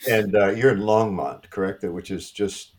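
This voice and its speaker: Deep-voiced guy host, friendly, lots of uhs as he asks stuff. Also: steady tone, darkish tone. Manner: friendly, hesitant, many "uh" pauses. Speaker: podcast host. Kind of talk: interview questions.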